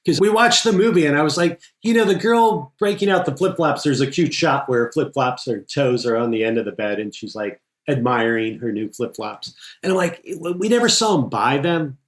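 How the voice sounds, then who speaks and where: A man's voice: mid-range voice, lively intonation, normal speed, few pauses. A man, a film editor, chatting casually in an interview and telling anecdotes with quoted dialogue. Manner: enthusiastic storyteller, quotes people in his anecdotes. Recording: echoey room.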